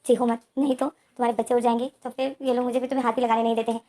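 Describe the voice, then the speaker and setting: A woman voicing a persistent young husband who pleads softly and teases. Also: on the high side, level tone, racing, close to an everyday voice. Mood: hushing.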